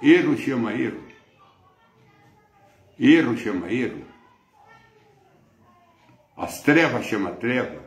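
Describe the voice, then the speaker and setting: A Brazilian-accented man preaches a sermon with slow, deliberate pacing. His pitch rises and falls widely as he drives points home through repetition. The sound carries a noticeable echo from a church hall. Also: big pitch swings. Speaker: pastor.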